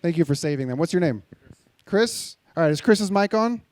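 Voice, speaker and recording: A middle-aged male pastor giving a live sermon, conversational and animated, joking with and directing the audience. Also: on the high side, moderate pace, no room sound.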